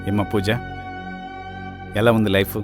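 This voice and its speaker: An actor playing a calm, fatherly male doctor, speaking gently with many murmured hums. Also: lowish voice, moderate pace, over music, close to an everyday voice. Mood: probing. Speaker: doctor and boss. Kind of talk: film dialogue.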